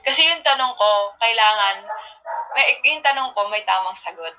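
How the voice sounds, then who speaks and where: A young woman casually chatting on a livestream from her phone, telling rambling stories with soft trailing asides. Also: mid-range voice, expressive, normal speed, slight background noise, rough recording.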